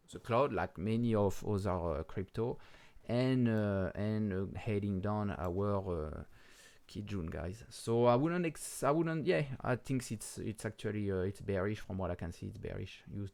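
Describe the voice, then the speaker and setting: A man with a French accent and French as his first language, talking through crypto charts in a casual, halting way with many pauses and restarts, and swearing bluntly now and then. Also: fairly low pitch, a little mellow. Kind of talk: casual market commentary over charts.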